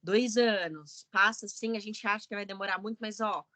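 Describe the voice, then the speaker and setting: A woman's voice: mid-range voice, fairly even intonation, moderate pace, pushed and bright, no room sound. A woman hosting an online student meeting, welcoming newcomers in a chatty, casual way over a video call. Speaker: meeting host, student association coordinator.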